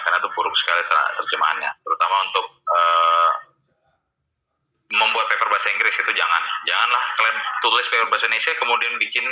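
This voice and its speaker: Low, sharp-voiced male lecturer. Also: dull audio. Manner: casual, chatty, many fillers. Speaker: university lecturer. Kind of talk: online lecture with screen sharing.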